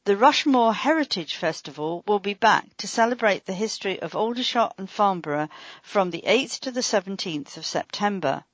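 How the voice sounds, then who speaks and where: A woman giving a measured, scripted reading of a local council magazine, announcing events. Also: mid-range voice, expressive, no echo. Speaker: audio magazine reader. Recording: dry, dull lo-fi recording.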